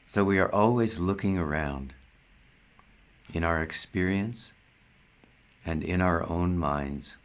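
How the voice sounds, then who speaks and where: A spiritual teacher leading satsang speaks in a deep, low voice at a very slow pace. His meditative talk comes in short, deliberate phrases separated by long pauses.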